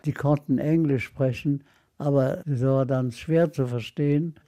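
Very old guy in his 90s telling film stories real slow, dark mellow voice. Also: mid-range voice, steady tone. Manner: slow, unhurried, reflective storytelling. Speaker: interview guest, film dialogue coach. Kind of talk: radio interview conversation.

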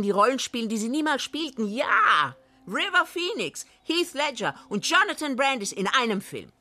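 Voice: medium pitch, bright, forceful tone. A performer in a radio play voicing an ironic commentator who speaks straight to the listeners in a mock-solemn manner.

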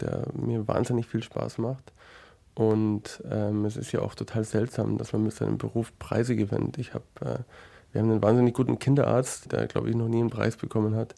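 A male newspaper journalist speaks earnestly in an interview, stressing his points. His voice is heavily gravelly and dark, and his pitch stays quite flat. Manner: earnest, emphatic, with fillers.

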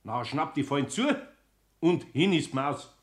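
A man's voice: on the high side, normal speed, lightly acted. A man with a Bavarian accent playing a patient, down-to-earth older master carpenter in a radio play, matter-of-fact in tone. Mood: explaining.

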